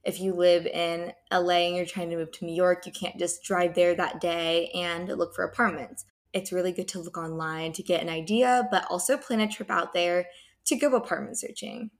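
A woman's voice: lowish voice, steady tone, normal speed. A young adult woman hosting a podcast of casual advice on her own, recorded in an echoey unfurnished apartment. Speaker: podcast host. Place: indoors, unfurnished apartment with bouncing sound. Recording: echoey empty apartment room.

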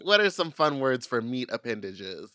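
A man's voice: medium pitch, big pitch swings, normal speed, bright, forceful tone, no echo, clean studio sound. A man co-hosting a crude comedy podcast, teasing and theatrical as he banters over a video call. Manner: teasing, theatrical, wraps up the show. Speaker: podcast co-host. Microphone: video call mic.

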